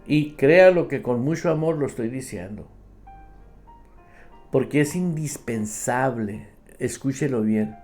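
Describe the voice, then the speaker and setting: Slow, emphatic preaching pastor. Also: male voice, mid-range voice, expressive, a little mellow, faint music behind. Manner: emphatic preaching, acts out believers' complaints; addresses listeners directly as brother. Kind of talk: radio sermon.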